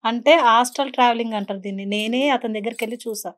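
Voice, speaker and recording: A woman's voice: on the high side, fairly even intonation, rapid-fire. A woman, a podcast guest earnestly telling a personal story and acting out quoted speech. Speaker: guest, beautician and meditation teacher.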